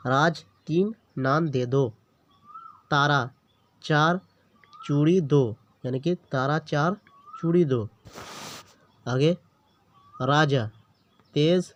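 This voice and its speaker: A man teaching a beginner language lesson, patiently sounding out letters and words one at a time and checking in with the learner often. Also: mid-range voice. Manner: repeats each word, checks in with the learner often. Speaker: Urdu teacher. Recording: dull lo-fi recording.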